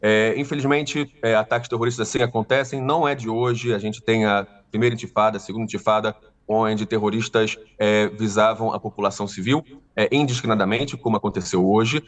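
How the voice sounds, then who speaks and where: A man with a carioca accent from Rio, a tour guide speaking in a remote news interview with many hesitant pauses. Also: on the low side, fairly even intonation, distant mic. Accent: Carioca Brazilian Portuguese. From Rio de Janeiro, Brazil.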